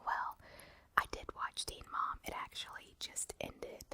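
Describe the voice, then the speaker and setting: Woman whispering a bright, breathy ASMR ramble. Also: unhurried. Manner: casual, rambling, chatty. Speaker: ASMR video creator. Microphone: close binaural ASMR microphone, ear to ear.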